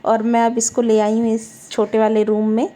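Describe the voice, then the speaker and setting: Young mom vlogger narrating her kitchen chat, mellow tone, even and unhurried in her explaining. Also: a little high. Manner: chatty, explanatory, with fillers and self-corrections. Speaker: home vlogger and mother. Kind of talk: casual voice-over narration of home cooking.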